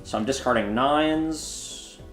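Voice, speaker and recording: This casual stream features a man in his twenties bantering playfully with viewers during a card game. His voice is medium in pitch and a bit bright, and he takes it slowly, all recorded with roomy echo and faint music underneath.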